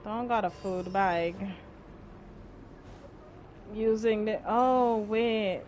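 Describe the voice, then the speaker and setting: A woman's voice: mid-range voice, very slow, darkish tone, a little hiss or hum. A woman streamer giving casual game commentary in a teasing, blunt, reactive way. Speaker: gaming streamer.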